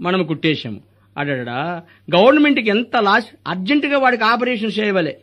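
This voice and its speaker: A crafty, wisecracking village doctor. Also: male voice, sits high, very animated, a bit bright, exaggerated voice. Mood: scheming. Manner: rapid wisecracking, rustic dialect. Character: scheming greedy male hospital doctor, middle-aged. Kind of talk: stage comedy drama.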